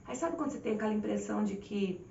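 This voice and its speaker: A woman's voice: mid-range voice, quick pace, creaky, dark tone, slight background noise. A woman preaching a testimony, telling her story intimately and acting out her own prayers. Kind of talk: emotional testimony sermon. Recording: roomy, distant, dull live recording.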